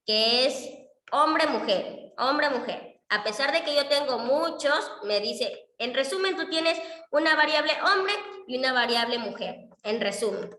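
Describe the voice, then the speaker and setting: A woman's voice: a little high, sharp tone. A woman, patiently explaining coding in an online class and often checking whether students follow. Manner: patient, checks understanding with frequent "¿ya?". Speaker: economics instructor teaching R. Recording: echoey room with long reverb.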